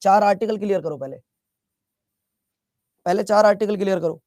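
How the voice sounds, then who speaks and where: A man's voice: high-pitched, moderate pace, darkish tone, no echo, studio quality. A male teacher from Bihar giving a chatty classroom lecture, repeating his questions and teasing students as he scolds them. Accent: Bihar Hindi.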